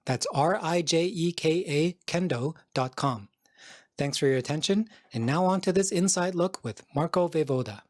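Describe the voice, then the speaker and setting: A man's voice: fairly high pitch, normal speed. A male podcast host giving upbeat scripted announcements and asking interview questions.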